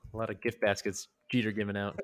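A man's voice: fairly low pitch, little pitch movement, fast, a bit bright, no room sound. A man co-hosting a casual sports podcast, dry and wry in his jokes. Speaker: podcast co-host.

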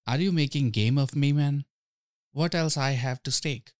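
A man's voice: medium pitch, normal speed, a little mellow, dry recording, clean studio sound, pitched above the performer's own voice, natural voice. A man voicing a proud, anxious court storyteller who gets exasperated as he loses. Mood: indignant. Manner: indignant, exasperated. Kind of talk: storybook reading.

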